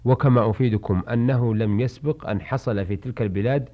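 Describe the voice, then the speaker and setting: A man hosting a radio programme, formally reading listeners' letters in a measured, classical manner. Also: medium pitch. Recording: dull lo-fi old radio recording.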